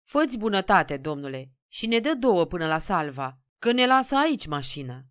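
A woman's voice: mid-range voice, big pitch swings, a bit bright, clean tone, no room sound, studio quality. A woman voicing a humble, pleading old peasant man in a storybook reading. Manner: pleading, meek.

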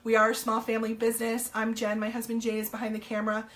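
A slightly hoarse woman from New Jersey, US, chats loosely and upbeat on a home live stream, selling items and sprinkling in ums and hellos to viewers. Her voice is a little high and a bit bright, she talks fast with a completely flat delivery, and a camera across the table picks up the sound indoors.

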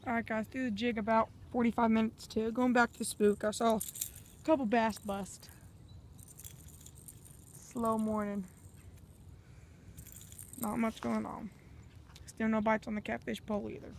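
A woman's voice: on the high side, level tone, unhurried, gravelly, pauses often, darkish tone, slight background noise. A woman filming a casual fishing vlog on a handheld phone outdoors by a pond, rambling to her viewers as she goes. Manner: rambling, chatty, talks to viewers as "guys". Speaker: fishing vlogger.

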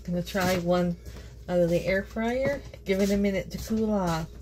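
A Canadian woman hosts a casual home cooking vlog from her kitchen, chatting with viewers and laughing often. Her voice is medium-pitched at normal speed, with background noise in the recording.

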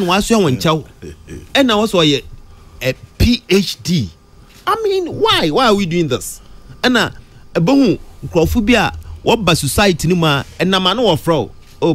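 A middle-aged Ghanaian man talking in a radio studio, mixing Twi and English, his pitch leaping up on questions. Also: fairly bright tone. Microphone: studio mic close to mouth.

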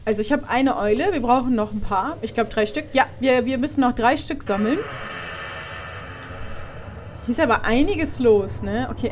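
A young woman commenting on a horror game as she plays, chatty and exclaiming, sometimes swearing. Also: fairly high pitch. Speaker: let's play host.

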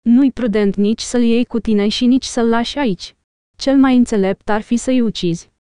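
A wise old wizard scolds and warns with force, read by a woman. The voice stays smooth and mellow, fairly high, with a dry close sound. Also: no room sound, natural voice. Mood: stern.

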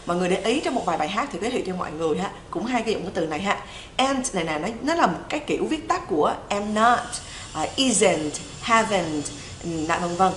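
A woman's voice: mid-range voice, very animated, fast, fairly bright tone, echoey room, a little hiss or hum, poor audio. A young woman teaching English pronunciation on a livestream, chatty and repeating words to drill them. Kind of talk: livestream song lesson.

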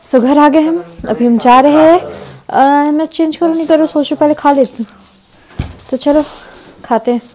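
A young woman chats her way through a casual vlog, her voice sitting a little high. She repeats words for emphasis and laughs often, and she sounds tired by the end. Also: normal speed, mellow, rough recording. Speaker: vlogger.

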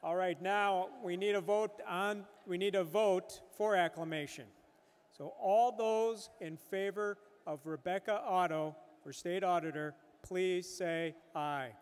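A man's voice: high-pitched, fairly even intonation, measured pace, clean tone. A middle-aged man at a podium microphone chairing a convention floor, giving procedural instructions in a businesslike way, with some fillers. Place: large convention hall stage. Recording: long hall reverb.

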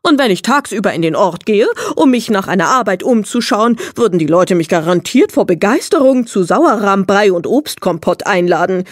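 A woman voicing a loud, boastful and brusque eccentric hermit woman in an audiobook, chattering rapidly with indignant outbursts. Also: mid-range voice, lively intonation, no echo, clean studio sound, natural voice. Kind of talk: audiobook character voice.

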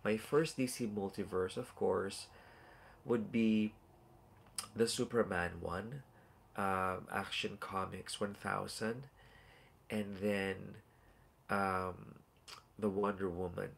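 Slow and husky, a man in his forties with a blocked, nasal voice rambles through a live toy unboxing from a small room at home, chatting with viewers through fillers and asides. His voice is on the low side and fairly even, with vocal fry and frequent pauses, recorded on a phone or webcam at arm's length.

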